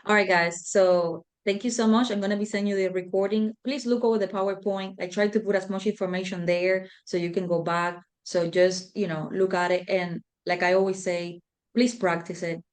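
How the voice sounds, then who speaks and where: Woman trainer, conversational and loose, many fillers, mid-pitched voice. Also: little pitch movement, normal speed. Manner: conversational, filler-heavy, repeats herself. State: out of breath. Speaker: leadership trainer. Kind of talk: live online class.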